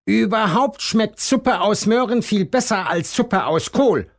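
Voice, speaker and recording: A man voicing a boastful, quarrelsome male rabbit gardener in a storybook reading, in a raised, excited voice. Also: a little slow. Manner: bragging, high and excited.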